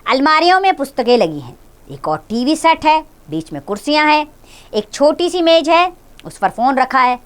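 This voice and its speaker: A woman's voice: high-pitched, very animated, moderate pace. A woman teacher reading a textbook play aloud and explaining it to children. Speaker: school teacher.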